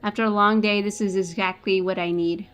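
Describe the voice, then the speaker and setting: A woman's voice: mid-range voice, steady tone, a little fast, a bit bright, soft background music. A woman playing a visual novel, reading its narration aloud in a casual, playful way. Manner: playful, laughing between lines.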